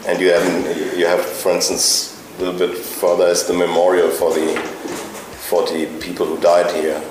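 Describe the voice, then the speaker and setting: Deep flat man in a roomy echo. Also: moderate pace, noisy background. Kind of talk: casual explanation.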